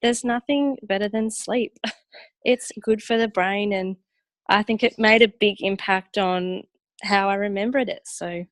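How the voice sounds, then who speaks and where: A woman on a team video call, relaxed and a little giggly as she explains. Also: medium pitch, measured pace, dry recording. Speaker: team member sharing on a call. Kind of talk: casual chat.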